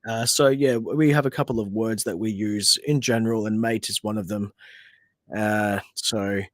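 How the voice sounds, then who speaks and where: An Australian man with a fairly low voice and a steady tone hosts a casual football watch-along livestream at a moderate pace. As the podcast host, he chats, takes viewer questions and lets off steam at the players, with no echo in the sound.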